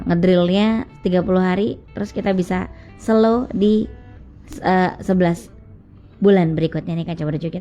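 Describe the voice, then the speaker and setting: A woman hosts a radio show in a casual, chatty way, dropping in English sign-offs. Her voice sits on the low side. The sound is dull and lo-fi, with faint music underneath. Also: dark tone. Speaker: radio host.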